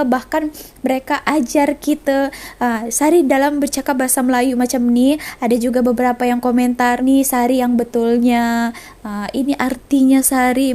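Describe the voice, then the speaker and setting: A woman's voice: high-pitched, mellow. A young Indonesian woman chatting casually on a reaction vlog, mixing Indonesian and Malay. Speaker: vlogger. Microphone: phone camera.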